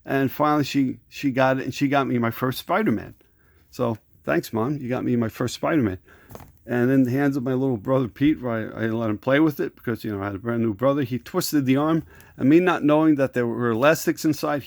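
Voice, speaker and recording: A man's voice: mid-range voice, dry recording, clean studio sound. A middle-aged man casually reviewing action figures, rambling and nostalgic, often repeating words and restarting sentences. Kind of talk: casual toy review vlog.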